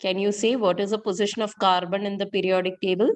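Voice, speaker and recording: A woman's voice: mid-range voice, steady tone, quick pace. A middle-aged woman with an Indian accent teaching chemistry in an interactive online class, asking questions and repeating key points. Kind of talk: interactive online school lesson.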